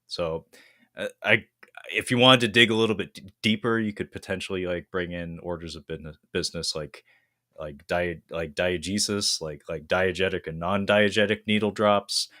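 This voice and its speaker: A man's voice: low-pitched, fairly even intonation, normal speed, pushed and bright, no echo, studio quality. A man congested with a cold, his voice phlegmy and rattly, hosting a podcast in casual, wordy, self-deprecating chat. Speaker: podcast host.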